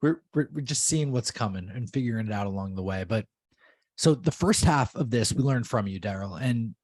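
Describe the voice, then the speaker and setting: A man's voice: lowish voice, lively intonation, brisk, a little mellow, no room sound. Friendly male podcast host, dry mic. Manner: friendly, upbeat, repeats words when starting. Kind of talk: interview hosting.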